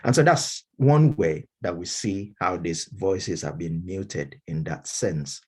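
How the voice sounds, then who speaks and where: A middle-aged man with a Nigerian accent, giving a measured academic lecture with frequent fillers and restarts. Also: deep voice, darkish tone, slightly rough. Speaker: Baptist minister and speaker.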